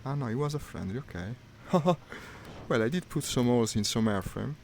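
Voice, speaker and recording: A fast, creaky, mid-range male voice with a darkish tone delivers wry running commentary on a live flight simulator stream, spoken partly to himself. He's a gaming streamer, heard over noisy stream audio.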